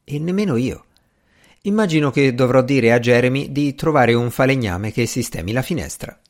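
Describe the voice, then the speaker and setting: A man's voice: mid-range voice, animated, moderate pace, voice pushed up, lightly acted. A man reading the part of an ambitious, impatient young male magician in an audiobook, earnest and easily irritated.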